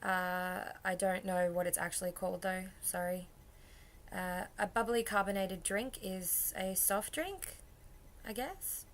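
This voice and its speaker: Young aussie woman rambling casually on her vlog, laughs at herself, mid-pitched voice. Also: a little slow, slight background noise. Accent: Australian. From Australia. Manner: chatty and rambling, self-deprecating. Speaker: vlogger. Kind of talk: casual chat.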